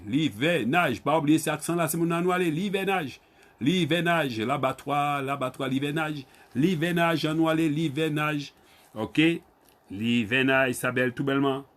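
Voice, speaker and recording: A man with a Guadeloupean Creole accent teaching an online Creole lesson. He repeats each word slowly, spells it out letter by letter and calls on his students by name. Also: mid-range voice.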